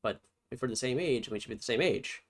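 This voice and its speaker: A man's voice: mid-range voice, animated, quick pace. Playful man thinking aloud over a game. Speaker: game streamer. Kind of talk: casual let's-play commentary.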